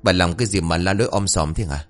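Arrogant middle-aged dad, deep and stubborn; narrator doing the voice. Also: male voice, fast talker, soft background music, lightly acted. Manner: dismissive, blustering.

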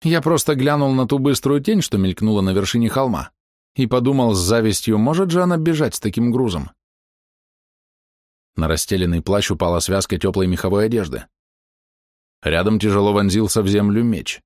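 A male audiobook narrator with a low voice that swings widely in pitch as he reads a first-person fantasy tale. He reads expressively and with life. The recording is close and dry. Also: animated, brisk, darkish tone, no room sound.

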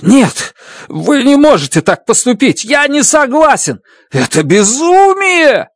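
A reader voicing a frightened male scientist who shouts and pleads in an audiobook. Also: medium pitch, big pitch swings, a little slow, dry recording, pitched above the performer's own voice. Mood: protesting. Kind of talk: audiobook character voice.

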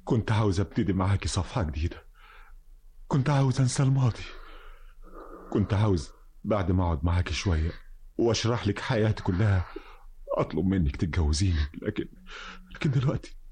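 An actor playing a young man who pretends to be a frenzied killer, swinging between hushed pleading and shouted menace in an old radio drama. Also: sits high, huge pitch swings, a little fast, pauses often, breathy edge, heavily acted. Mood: brooding. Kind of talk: vintage radio drama acting.

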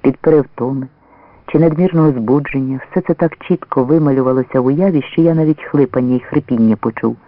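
A man reading a story aloud as a measured, expressive first-person narrator. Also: medium pitch, slight background noise. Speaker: audiobook reader. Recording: dry, narrow phone-like lo-fi sound.

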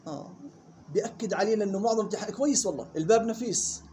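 A man leads a recitation class, his voice set fairly high for a man. He explains at a rapid clip, slowing right down to read rules and drill single syllables. A faint hum sits behind him. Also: mellow. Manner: reads rule text slowly, then explains in quick colloquial talk; drills syllables slowly and questions students. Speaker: Quran recitation teacher. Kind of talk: classroom lesson explaining a text.

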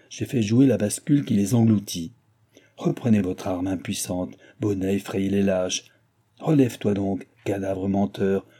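A man voicing a calm, disdainful, mysterious male stranger in an audiobook, with a husky voice and a proud, defiant, commanding manner. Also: fairly low pitch. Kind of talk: audiobook reading.

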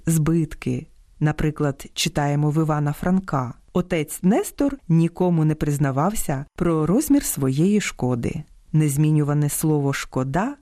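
A woman hosting a scripted radio program on language, reading clearly and stressing words with care. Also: on the low side, dry recording, studio quality. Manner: clear, careful stress on words, lively read-aloud quotes. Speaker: radio host. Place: radio studio.

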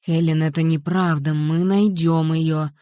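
A woman's voice: sits low, steady tone, a little slow, dark tone, dry recording, clean studio sound. A woman reading an audiobook, voicing a tense husband who speaks in a restrained, urgent, pleading way. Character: anxious husband, controlled and pleading.

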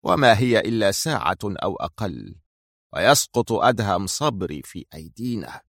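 A man voicing a calm, firm male intelligence director giving orders in a storybook reading. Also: lowish voice, moderate pace, vocal fry, no echo, studio quality, heavily acted.

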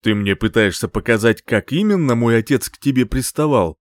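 A man's voice: mid-range voice, lively intonation, a little fast, no room sound, clean studio sound, lightly acted. A man voicing a lazy, teasing young prince in an audiobook, drawling and smirking. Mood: smug.

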